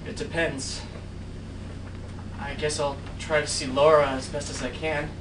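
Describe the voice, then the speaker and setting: Woman doing a fretful grieving guy, lowish voice, far off on a noisy echoey stage. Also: little pitch movement, unhurried. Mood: sad. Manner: pleading and fretful. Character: anxious grieving young man clinging to the past. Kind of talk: live stage acting. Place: small theatre stage. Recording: distant echoey stage recording with noise.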